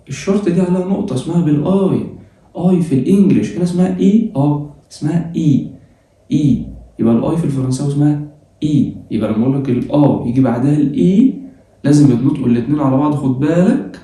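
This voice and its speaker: A man with an Egyptian accent teaching French pronunciation, lively and coaxing, slowly repeating sounds for students. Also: mid-range voice, very echoey, recorded from a distance. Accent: Egyptian Arabic. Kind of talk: online lesson for secondary school students.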